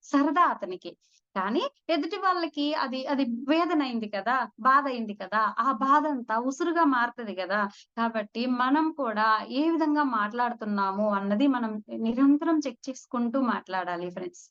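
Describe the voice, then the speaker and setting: A woman's voice: a little high, animated, moderate pace, fairly bright tone, lo-fi sound. A woman giving a storytelling spiritual talk, speaking conversationally and addressing her listeners as friends. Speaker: spiritual teacher.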